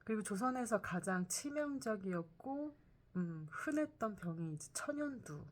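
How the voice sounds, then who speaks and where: A woman in her forties, vlogging casually about her day and reading from a book, with frequent soft fillers. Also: mid-range voice, expressive, normal speed. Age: 40s. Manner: soft-spoken, many "음" and "네" fillers.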